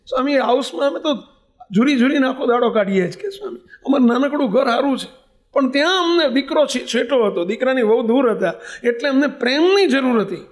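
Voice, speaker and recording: A man's voice: very high-pitched, expressive, brisk, pitched above the performer's own voice. A man voicing a heartbroken elderly father in his sixties who pleads through tears in a sermon story. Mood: tearful pleading. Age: 60s. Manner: pleading, sobbing complaint.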